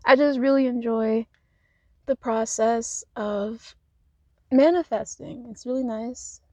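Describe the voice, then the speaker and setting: A woman's voice: fairly high pitch, takes it slowly, darkish tone, no echo. A woman vlogging casual life advice from her parked car, rambling with lots of fillers and frequent laughs.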